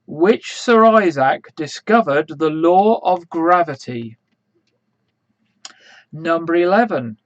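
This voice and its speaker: A man hosting a quiz on a church live stream, reading each question slowly and spelling out tricky names. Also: on the high side, no room sound. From England. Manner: slow, measured, spells out names. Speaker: quiz host.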